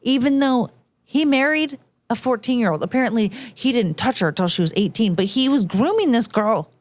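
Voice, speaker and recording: A woman in her thirties, casually chatting on a late-night show and telling an animated, ranting story. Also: on the high side, normal speed, no echo. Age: 30s.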